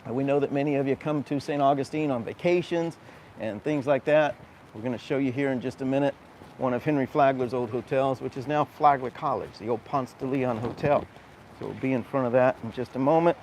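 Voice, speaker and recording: A man's voice: medium pitch, fairly quick, darkish tone. A man giving a conversational, explanatory live walking-tour commentary as host, recorded outdoors on town streets. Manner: conversational, explanatory, pointing things out. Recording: noisy outdoor street recording with urban ambience.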